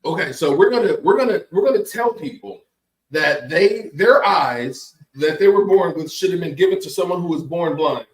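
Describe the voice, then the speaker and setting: On a laid-back cooking podcast, the male host cracks jokes and promotes the network's other upcoming programs. His fairly high voice is expressive with a moderate pace, and the audio is roomy and distant-miked.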